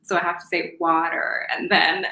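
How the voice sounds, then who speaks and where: A woman with a London accent tells a casual story on a panel, voicing each side of the exchange. Her voice is bright and a little low for a woman, and it rings with a noticeable room echo. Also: moderate pace, vocal fry. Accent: London English. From London, England. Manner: animated storyteller who acts out exchanges. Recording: roomy echo.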